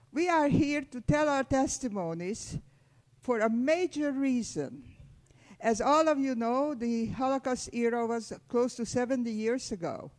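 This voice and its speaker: Old lady telling her story to schoolkids, slow and careful, talks right to the children. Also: on the high side, a little mellow. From Hungary. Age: 80s. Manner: measured, deliberate, addressing children directly. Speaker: Holocaust survivor speaking to students. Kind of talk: testimony talk to a school audience.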